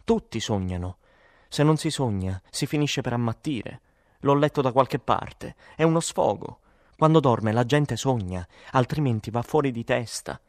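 A man's voice: medium pitch, animated, a little slow, no room sound, clean studio sound. A man voicing a weary, exasperated woman who sells vitamins, swearing and emphatic, in an audiobook. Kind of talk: audiobook character voice.

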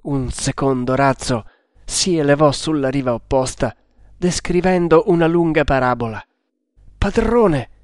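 A man narrating an adventure story in an audiobook with slow, deliberate storytelling. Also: medium pitch.

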